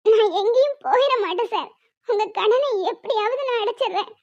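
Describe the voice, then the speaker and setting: A young woman dance teacher from a cartoon, acted by a woman, earnest and defiant. Her voice sits very high. The recording is dull and lo-fi. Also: brisk. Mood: pleading. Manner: pleading, earnest. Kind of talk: cartoon voice dubbing.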